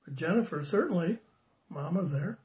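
An older man in his sixties giving a children's sermon on a phone livestream, slow and friendly, greeting viewers by name and asking the kids questions. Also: a little high, animated, darkish tone. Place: small room indoors at home. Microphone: phone camera close up.

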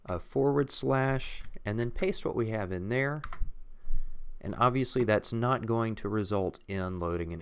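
A man narrates a software walkthrough in a calm, methodical way, explaining each click as he goes. His voice sits on the low side and sounds smooth and clear. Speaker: software tutorial instructor. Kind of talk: screen-recorded software walkthrough. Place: at a computer, voice-over on screen recording.

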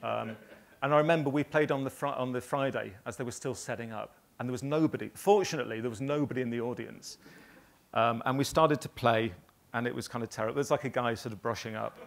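A man in his fifties from northern England spins loose, halting anecdotes to a live audience, pausing often mid-sentence. His voice has a gravelly edge and sits at a middling pitch. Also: a little hiss or hum. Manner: rambling anecdotal storytelling with many ums. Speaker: graphic designer giving a talk.

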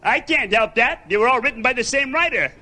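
Bright, hapless puppet comic. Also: male voice, extremely high pitch, animated, fairly quick, a little hiss or hum, heavily acted. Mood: nervous. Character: hapless, defensive male stand-up comic puppet. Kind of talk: puppet comedy character acting.

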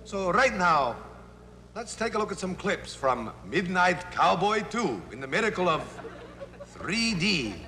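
A hammy, bright late-night TV host. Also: male voice, high-pitched, big pitch swings, unhurried, big-room sound, slight background noise, heavily acted. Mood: hammy, excited. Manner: announcer patter, gleeful and hammy, chuckling at his own lines. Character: hammy male horror-movie TV host, excitable and corny. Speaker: show host. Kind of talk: sketch comedy acting.

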